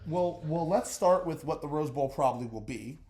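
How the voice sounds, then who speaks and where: A man's voice: a little high, expressive, normal speed, a little mellow. A young man hosting a casual sports podcast, rambling and hesitant with many fillers. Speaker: podcast host. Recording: roomy echo.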